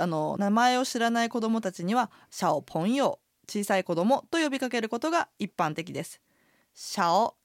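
Lively-voiced woman teaching, dry studio. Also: mid-range voice, no room sound. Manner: clear and patient, with fillers. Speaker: inn hostess co-hosting a language lesson. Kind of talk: radio language lesson, teaching pronunciation.

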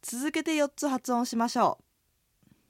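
An innkeeper co-hosts a radio language lesson, explaining phrases in a lively, friendly, explanatory manner. Her voice is high and her pace slow, captured in a dry, clean studio recording.

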